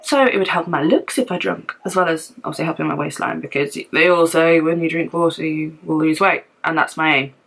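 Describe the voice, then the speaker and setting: A woman's voice: sits low, brisk, creaky, few pauses, a bit bright, poor audio. A young woman vlogging at home in casual, rambling chat, open and self-deprecating about herself. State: out of breath. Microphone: phone or tablet camera.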